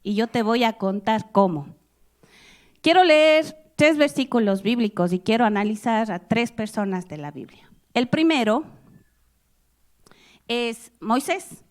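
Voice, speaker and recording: A middle-aged woman delivers a sermon at an unhurried, deliberate pace, her voice sitting on the higher side. She speaks directly and personally to her listeners, asking them questions and acting out the scriptures she reads with sudden bursts of feeling. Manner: expressive, acts out Bible quotes with loud outbursts. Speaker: preacher.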